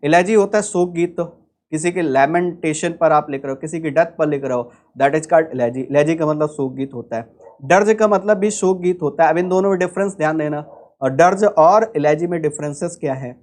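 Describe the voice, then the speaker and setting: An Indian-accented man teaches English vocabulary online for exam preparation, speaking at normal speed in a voice that is a little high and a little mellow. He lays out each point step by step and questions the class rhetorically.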